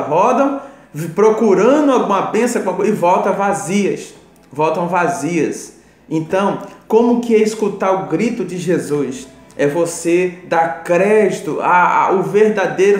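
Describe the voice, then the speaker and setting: A man preaching a sermon, emphatic and repetitive, speaking straight to the listener. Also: sits high. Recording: roomy echo with faint music.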